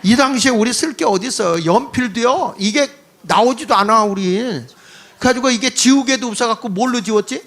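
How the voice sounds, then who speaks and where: A man in his sixties giving a history lecture to an audience, animated and mocking, with quips and laughing asides. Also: very high-pitched, brisk.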